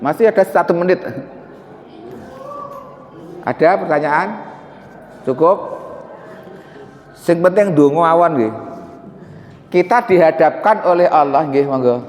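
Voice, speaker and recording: A man's voice: fairly high pitch, normal speed, long pauses, darkish tone, slight background noise. A man with a Javanese accent teaching a mosque study session, talking conversationally, asking the congregation questions and mixing in Javanese and Arabic phrases. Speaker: religious teacher. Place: mosque hall. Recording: echoey hall with long reverb.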